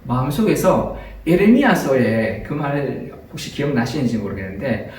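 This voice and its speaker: A man's voice: mid-range voice, normal speed, slight background noise. Male priest doing a sermon, tells stories, asks the crowd questions, super echoey church, mic far off. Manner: animated storytelling with rhetorical questions to the congregation.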